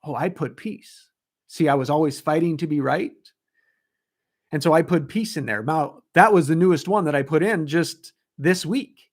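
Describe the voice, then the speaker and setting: High-voiced man giving a motivational talk. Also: normal speed. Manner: emphatic, asks rhetorical questions, acts out inner thoughts. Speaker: motivational coach.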